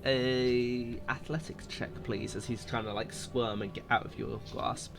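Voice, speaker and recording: A man's voice: mid-range voice, steady tone, measured pace, music in the background. A man running a tabletop game as game master, narrating hesitantly with many fillers.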